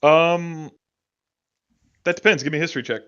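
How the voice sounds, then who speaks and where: Halting man running a tabletop game. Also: on the high side, a bit bright, clear, resonant tone, highs cut off. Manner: halting, repeats words. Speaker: game master.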